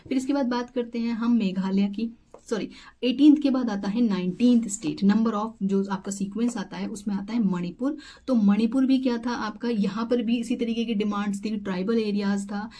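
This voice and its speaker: A woman with a dark, mid-range voice teaches an exam-prep lesson in Hindi, working through it step by step. She poses rhetorical questions and mixes English terms into her speech.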